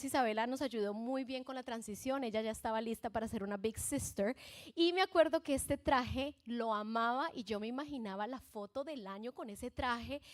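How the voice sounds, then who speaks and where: Woman pastor, high voice, sermon, animated storytelling, acts out her own lines, church stage. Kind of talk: sermon with personal stories.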